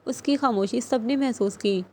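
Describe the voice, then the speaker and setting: A woman narrating a novel as an audiobook reader in a steady storytelling manner. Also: on the high side, slight background noise.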